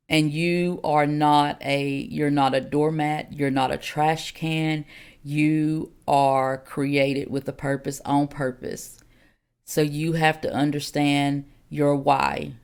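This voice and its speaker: A woman in her forties talks straight to her listeners as a church elder giving a podcast teaching. Her voice has a gravelly fry, and she stays earnest and direct. She fills her pauses with "um" and asks the same question again and again. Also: low voice, darkish tone. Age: 40s.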